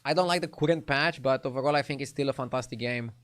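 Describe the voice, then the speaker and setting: Fast and medium-pitched, this young streamer with a slight Romanian accent keeps things laid-back and chatty, responding to his chat between card-game plays.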